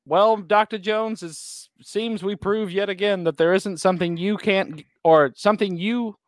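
A man putting on a smug rival archaeologist villain in a put-on French accent, with a slow, mocking delivery. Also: high voice, steady tone, no echo, pitched above the performer's own voice, lightly acted.

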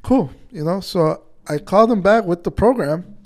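A man's voice: sits high, animated, moderate pace. A man, a truck driver and podcast guest, telling a casual story, swearing freely and acting out what people said. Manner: swears freely and acts out quoted dialogue.

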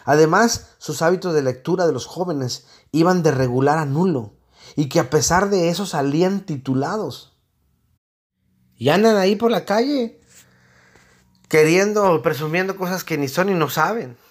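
A man's voice: fairly high pitch, a little slow, long pauses, husky. A man with a Mexican accent, a psychologist giving a blunt, sardonic spoken monologue.

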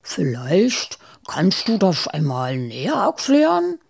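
A nervous, easily shaken male gnome , as a woman puts him on. He trips over his words and repeats himself, with a raspy, gravelly tone. He sounds like a storybook coward caught off guard. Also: lowish voice, huge pitch swings, takes it slowly, heavily acted. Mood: flustered. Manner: stammering, faltering.

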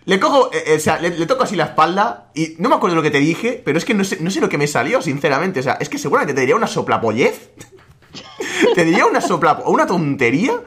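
A young man, co-hosting a casual podcast, telling stories quickly and laughing often. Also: a little high, sing-song, a bit bright. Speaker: podcast co-host. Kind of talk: casual chat.

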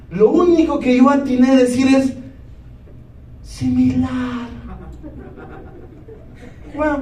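A man in his thirties giving a lively motivational talk, keeps asking the audience yes or no. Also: high voice. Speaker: motivational speaker. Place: large hall with a live audience. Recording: echoey hall, speaker far from the mic.

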